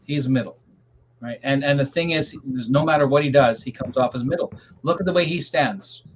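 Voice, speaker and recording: A man's voice: medium pitch, brisk. Joking man, lo-fi recording. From Canada. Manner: animated, joking storyteller. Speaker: podcast co-host. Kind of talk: casual political chat. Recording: dull lo-fi sound with faint noise.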